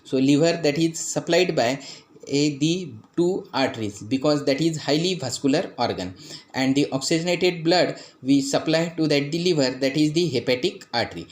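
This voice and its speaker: A man's voice: fairly high pitch, normal speed. Indian man lecturing on anatomy. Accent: Indian English. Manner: explains step by step, pointing out structures; frequent "that is" and "after then" phrasing. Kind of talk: lecture pointing at a model.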